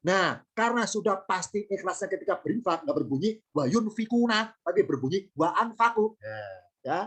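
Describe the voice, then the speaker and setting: A man's voice: high-pitched, lively intonation, moderate pace, a bit bright, slightly rough. A man with an Indonesian accent giving an online lesson on Quranic Arabic grammar, posing questions and answering them himself, with light jokes. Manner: explanatory, asks and answers his own questions, light joking. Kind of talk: online lecture.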